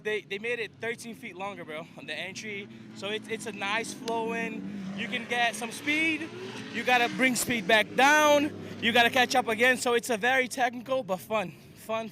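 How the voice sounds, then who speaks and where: Hyped man rambling at a loud track. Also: high voice. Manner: excited, rambling, repeats words. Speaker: drift driver. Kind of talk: casual interview. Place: outdoor drift race track. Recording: noisy outdoor race track. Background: car engines and track noise.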